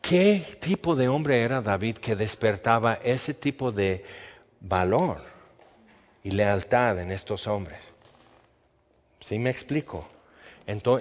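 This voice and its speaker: A man preaching a sermon, telling stories with animation and acting out the scenes. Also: medium pitch. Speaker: pastor. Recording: dull reverberant hall sound.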